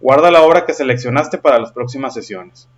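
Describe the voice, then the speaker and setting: A man's voice: medium pitch, a little fast, highs cut off. Patient man teaching. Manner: patient, checks in with frequent questions. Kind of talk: explaining a lesson.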